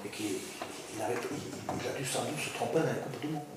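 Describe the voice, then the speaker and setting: Animated man debating in an echoey hall. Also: mid-range voice, fast talker, far from the mic. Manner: animated, argumentative, stammers and restarts. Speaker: scholar in a seminar. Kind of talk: academic seminar discussion. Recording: echoey room picked up from afar, noisy.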